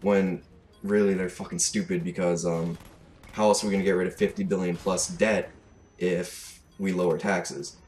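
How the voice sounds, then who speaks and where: Soft music plays behind a Canadian-accented teenager, 17 and from Alberta, whose low, slightly mellow voice stays level at normal speed. As a gaming commentator he delivers a casual, sweary, fed-up rant, bluntly and unscripted, in a clearly noisy home recording.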